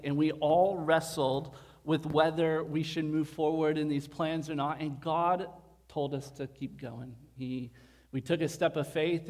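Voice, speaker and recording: A male pastor giving a casual, conversational sermon in a church, his voice sounding like it comes from an echoing tunnel over the speakers. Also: on the high side. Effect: echoing tunnel-like sound through the church speakers. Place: church building. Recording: echoey hall sound.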